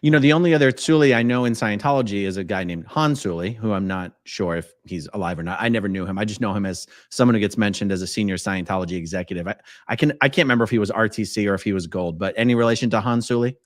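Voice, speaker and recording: A man's voice: on the low side, fast talker, few pauses, dry recording, clean studio sound. A man hosting a live-streamed interview, asking probing questions in a conversational way. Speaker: interview host.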